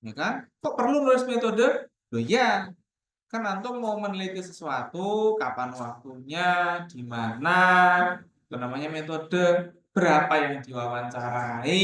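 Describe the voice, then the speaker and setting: A man teaching a class on academic writing in a lively lecturing manner. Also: on the high side. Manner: lively, acts out dialogues in changing voices. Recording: very echoey classroom from far off.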